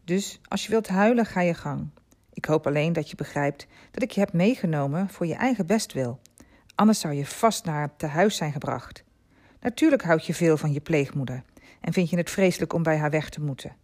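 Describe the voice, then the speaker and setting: A woman reading aloud gives voice to an older male traveling showman, firm but gentle in how he talks to the boy. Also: low voice, moderate pace. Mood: gently persuasive. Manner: firm, then gently persuasive.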